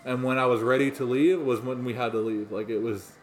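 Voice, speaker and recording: A man's voice: mid-range voice, fairly even intonation, brisk. A man co-hosting a casual podcast, rambling through his thoughts with many ums and restarts. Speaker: podcast co-host. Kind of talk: casual chat.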